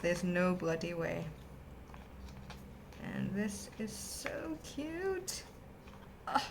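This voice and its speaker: A woman with a lowish voice gushes to camera at her desk. She rambles happily in a casual vlog chat. Faint hiss sits under her words. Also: a bit bright, rough recording. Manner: gushing, rambling and enthusiastic. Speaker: vlogger unboxing a stationery haul.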